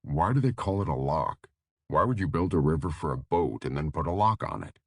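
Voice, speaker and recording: Drowsy, rambling young man, read by a male narrator; low, dry, grumbling. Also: very animated, takes it slowly, breathy edge, no echo, full character voice. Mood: woozy. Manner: woozy, grumbling.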